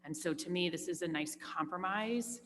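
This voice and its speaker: A woman with a lowish voice speaks formally at a committee meeting. She lays out her points in a measured way. Her voice carries a long room reverb over a faint hum. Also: a bit bright. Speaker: school committee member. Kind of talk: meeting discussion.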